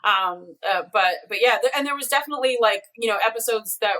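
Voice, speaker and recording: A podcast's co-creator and showrunner, appearing as an interview guest, talks fast in a slightly high, bright, forceful voice. Her casual, rambling explanations come with emphatic asides. She's on a video call, recorded by a mic at a distance from her.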